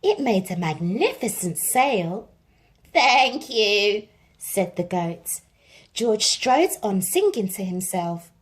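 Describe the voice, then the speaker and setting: Slowly and expressively, a woman with a mid-range voice tells a story from a children's picture book.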